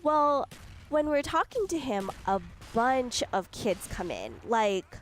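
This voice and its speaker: A woman's voice: fairly high pitch, big pitch swings, slow pace, a little hiss or hum. A young woman telling a casual, chatty story over gameplay, giggling and filling her talk with likes and ums. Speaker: gaming video creator.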